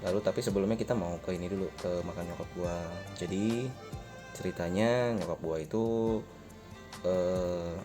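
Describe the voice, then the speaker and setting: This deep-voiced man, an Indonesian in his late twenties originally from Medan, chats informally in Jakarta slang for his personal motovlog. Filmed on a helmet camera outdoors as he rides through traffic, he rambles, backtracks to correct himself, and chuckles at his own jokes.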